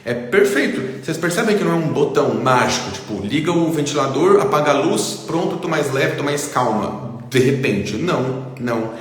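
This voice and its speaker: A middle-aged Brazilian man speaks in an informal, repetitive way as a psychologist hosting a live stream, pausing often to check in with listeners. His voice sits at an ordinary pitch for a man. It rings heavily off the walls of an indoor room, with a long reverb tail behind every phrase. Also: lively intonation. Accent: Brazilian Portuguese. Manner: informal, repeats points, frequent "tá?" checks. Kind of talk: casual live-stream talk to viewers.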